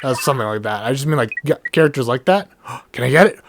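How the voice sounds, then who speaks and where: A man's voice: mid-range voice, expressive, quick pace, slight background noise. A young man giving chatty, rambling commentary while playing a video game, full of asides and self-deprecating remarks. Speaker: let's play gamer. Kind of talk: casual gameplay commentary.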